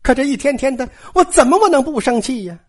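A storyteller voicing a shrewd, sharp-tongued noble lady who drawls and complains. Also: sits high, expressive, fast, husky, pitched above the performer's own voice. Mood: complaining.

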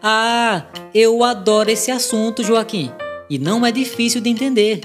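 A woman's voice: a little high, moderate pace, soft background music, natural voice. A woman voicing a friendly, patient cat who teaches children and meows between lines, in a children's educational audio drama. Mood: kind. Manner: patient, encouraging.

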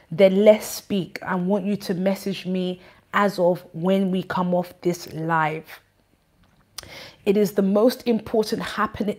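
Woman, church leader, noticeable lisp, mid-pitched voice, firm directive exhortation, repetitive emphasis, live-stream address. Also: darkish tone. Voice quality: lisp, from awaiting braces or dental appliance. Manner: firm, directive, repeats key points.

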